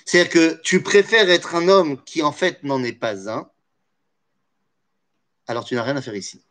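A man's voice: on the high side, lively intonation, normal speed, fairly bright tone. A man teaching a Torah study lesson, explaining with animation, weaving in Hebrew terms and jokey asides.

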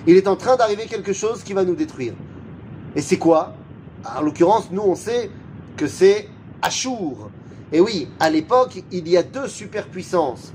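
A man's voice: high-pitched, expressive, normal speed, darkish tone, a little hiss or hum. A man teaching a Torah lesson. He chants Hebrew verses and answers his own rhetorical questions. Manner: chants Hebrew verses between French explanation. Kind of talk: religious lesson.

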